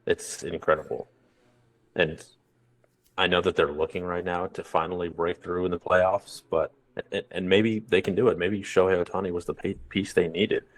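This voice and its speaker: Deep-voiced man co-hosting a sports podcast. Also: level tone, moderate pace, no echo. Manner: blunt, easygoing opinions. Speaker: podcast co-host. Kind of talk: casual sports podcast chat.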